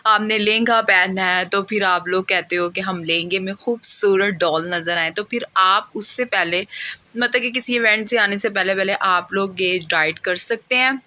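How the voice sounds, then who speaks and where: Woman vlogger, bright forceful voice, chatty and repetitive, addresses viewers directly. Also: mid-range voice, normal speed. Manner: chatty, repeats words and restarts, often asks viewers "okay?". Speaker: YouTube vlogger. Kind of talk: casual vlog talk to viewers.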